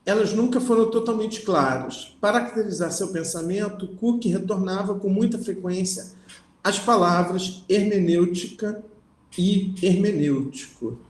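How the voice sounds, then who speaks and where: A man's voice: sits high, normal speed, reverberant. A man lecturing on philosophy, reading passages aloud and then explaining them, often checking in with the listeners. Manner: reads passages aloud, then comments with frequent "né?" and restarts.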